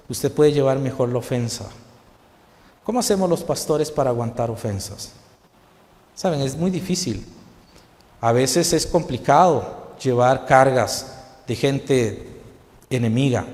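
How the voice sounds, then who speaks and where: A man preaching a sermon as a pastor, asking the congregation questions and dropping his voice softly for quoted lines. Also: mid-range voice. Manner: earnest preaching with rhetorical questions, soft quoted asides. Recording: long hall reverb.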